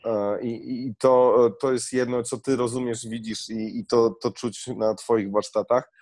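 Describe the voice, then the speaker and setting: A man's voice: mid-range voice, flat delivery, measured pace, a little mellow, dry recording. A man who runs workshops, talking in a casual podcast chat, hesitant and full of fillers and restarts. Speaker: podcast co-host, workshop leader.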